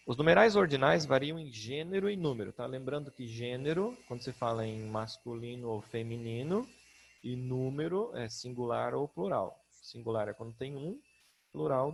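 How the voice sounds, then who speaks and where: A man's voice: mid-range voice, gravelly, slight background noise. A middle-aged man with a Brazilian Portuguese accent teaching a grammar lesson, patient, often checking in with his students.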